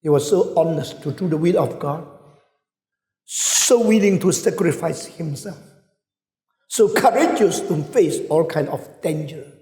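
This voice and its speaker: An older male pastor with an Indonesian accent preaching a sermon with emphatic swings in loudness. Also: on the high side, animated, slow pace. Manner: emphatic, wide swings in loudness, switches briefly to English. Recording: echoey hall.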